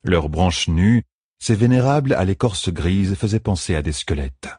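Male audiobook narrator, low voice, very husky, lively pitch, dry close reading. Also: unhurried, no echo. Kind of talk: scripted fantasy narration.

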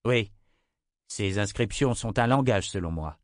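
A man voicing a calm young man, a wizard's grandson, explaining things matter-of-factly. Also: on the low side, unhurried, no echo, studio quality.

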